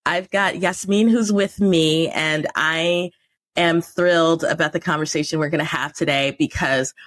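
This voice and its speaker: Brief: woman podcast host with a deep voice, chatty, quick to laugh. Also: steady tone, a bit bright. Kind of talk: casual podcast interview.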